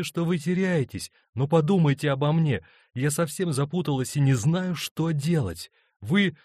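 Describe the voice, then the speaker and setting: A man's voice: on the high side, darkish tone, no echo, clean studio sound, pitched above the performer's own voice. A man voicing a young married woman torn between two loves, speaking in an emotional, hesitant, pleading way.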